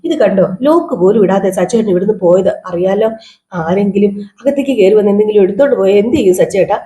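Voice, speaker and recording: A woman's voice: mid-range voice, lively intonation, fast talker, warm tone, natural voice. A woman voicing a reproachful young wife who scolds her husband for leaving her alone. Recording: roomy echo.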